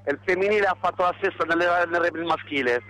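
A man's voice: on the high side, fast talker, bright, forceful tone, rough recording. Male phone reporter outdoors, filler-heavy casual delivery, faint background noise. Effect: heard over the phone. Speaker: activist calling in from a protest. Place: outdoors at a protest.

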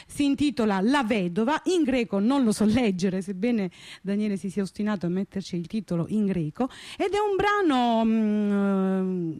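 Woman, radio host, mid pitch, dry, chatty with fillers. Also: warm tone, dry recording. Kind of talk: radio music presentation.

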